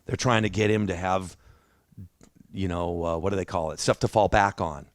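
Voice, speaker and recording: A man's voice: low-pitched, steady tone, normal speed, no echo, clean studio sound. A man preaching a sermon in a church, telling his own story in a conversational, self-deprecating way. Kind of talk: sermon with personal testimony.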